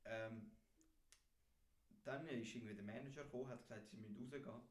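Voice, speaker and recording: A young man from Switzerland with a Swiss German accent, co-hosting a podcast and telling an animated, slangy story full of acted-out quotes. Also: medium pitch, a little fast. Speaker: podcast co-host. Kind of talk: casual storytelling chat. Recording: roomy echo.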